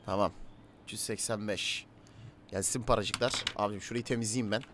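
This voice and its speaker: A man's voice: fairly low pitch, fairly even intonation, brisk, no room sound. Chatty young Turkish man gaming. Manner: chatty, talks to customers and viewers, swings from mutters to loud calls. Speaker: gaming YouTuber. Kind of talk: casual let's-play commentary.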